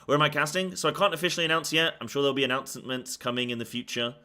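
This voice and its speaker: A man's voice: fairly high pitch, little pitch movement, rapid-fire, sharp tone. A man streaming live, chatting casually with viewers in a rambling, slangy way and repeating his phrases. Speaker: live streamer and esports caster. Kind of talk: casual livestream chat with viewers.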